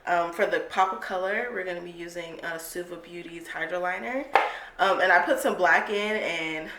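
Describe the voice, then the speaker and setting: This young beauty vlogger has a sharp-toned voice on the low side and talks at a moderate pace. Her casual conversation is chatty and giggly, with drawled slang, and the room sounds echoey with faint noise.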